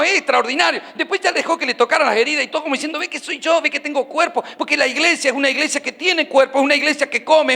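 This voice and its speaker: A man preaching a sermon in a church, animated, acting out the people in his stories. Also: very high voice, big-room sound. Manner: animated, acts out the characters of his stories with voseo asides.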